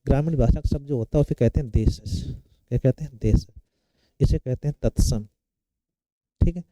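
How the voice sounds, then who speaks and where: Man, very dark mellow voice, dry close sound, quizzes then answers himself, exam-prep lesson. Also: medium pitch, normal speed, no echo, low-quality recording. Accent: Hindi. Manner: asks a question then answers it himself, repeating key words. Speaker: teacher. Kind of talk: exam-prep Hindi lecture.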